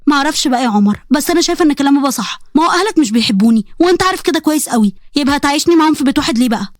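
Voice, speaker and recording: A woman's voice: high-pitched, expressive, very fast, no room sound, studio quality. A woman voicing a young fiancée pleading with her father, in an Egyptian accent. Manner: pleading, hurt. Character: young woman, torn between love and father.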